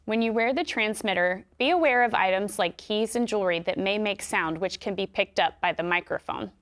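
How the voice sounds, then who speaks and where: An instructional video narrator, a woman with an American accent and a mid-range voice, delivers scripted instructions in a clear, measured, explanatory way.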